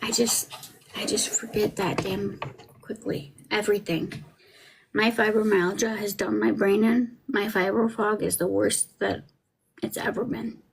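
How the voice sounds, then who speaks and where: A woman's voice: medium pitch, fairly even intonation, measured pace, vocal fry, slightly rough. A woman in her forties chatting casually as a podcast host, rambling and self-deprecating. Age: 40s. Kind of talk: casual livestream chat over a trial feed.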